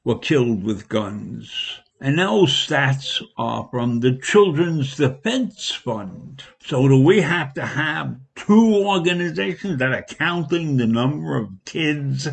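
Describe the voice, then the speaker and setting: Brief: male commentator, husky, fairly high-pitched, indignant solo monologue. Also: animated, slow, hardly any pauses. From United States. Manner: indignant, rising pitch on emphasis. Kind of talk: opinion monologue.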